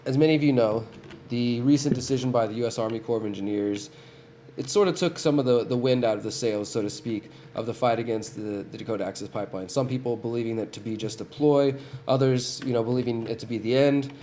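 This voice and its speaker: Hosting his weekly live stream despite a cold, a man from the United States talks fast in a mellow, medium-pitched voice over slight background noise. He speaks earnestly and directly to his audience in casual commentary, often starting his sentences over.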